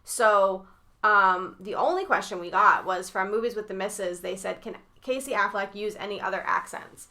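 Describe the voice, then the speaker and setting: A woman co-hosts a casual chat in a mixed southern Massachusetts and Rhode Island accent. Her voice is bright and crisp, and she rambles along with plenty of ums and likes. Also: mid-range voice, normal speed. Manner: chatty, many fillers like "um" and "like". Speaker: podcast co-host.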